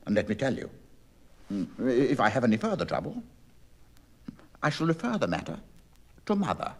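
A prim, indignant young woman scolding from an upstairs window, as a man puts her on. Her voice is haughty and clipped, with lively jumps in pitch. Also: normal speed.

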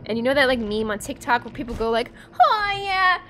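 Speaking quickly in a steady, fairly bright voice on the high side, a young American streamer from the East Coast chats with viewers while gaming live, with a little hiss or hum in the audio. She is casual, chatty and giggly, and her speech is full of fillers.

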